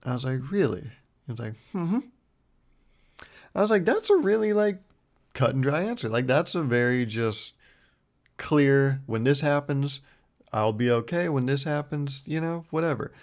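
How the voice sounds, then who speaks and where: A man's voice: moderate pace, long pauses. A man in his twenties talking casually and rambling on his solo podcast, self-deprecating, recorded close on a mic with a foam windscreen. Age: 20s. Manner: rambling and self-deprecating, lively swings in pitch. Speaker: podcast host.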